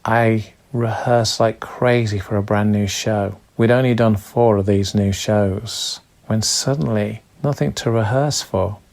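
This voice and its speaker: A man from England with a slightly low voice tells his own story in a plain, steady way. He speaks as a blind entertainer in a recorded personal account. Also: a little slow, creaky, hardly any pauses. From Birmingham, England.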